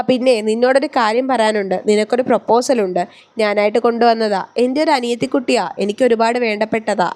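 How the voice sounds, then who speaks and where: A woman voicing a firm, protective young husband in a read-aloud story, speaking calmly and steadily. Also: fairly high pitch, natural voice.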